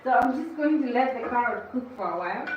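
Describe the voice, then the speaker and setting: A woman's voice: fairly high pitch, animated, fast talker, lo-fi sound, slight background noise. A woman hosting a cooking livestream, chatting casually and lecturing viewers as she cooks. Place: home kitchen. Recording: echoey kitchen, mic at a distance.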